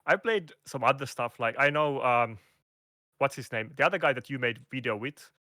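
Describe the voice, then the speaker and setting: A Finnish-accented guest content creator, interviewed casually over a call, speaks at normal speed in a bright, forceful, mid-range voice. His delivery is hesitant, full of fillers, restarts, word searching, and non-native phrasing. The audio is close and dry, without any room sound.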